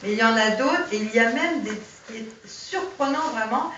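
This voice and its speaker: Woman commenting on poems at a library talk, hesitant and halting; dull, distant recording with faint hiss. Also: a little high, fairly bright tone, very echoey. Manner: hesitant, many fillers and restarts. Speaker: poetry reader at a lecture. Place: public library hall.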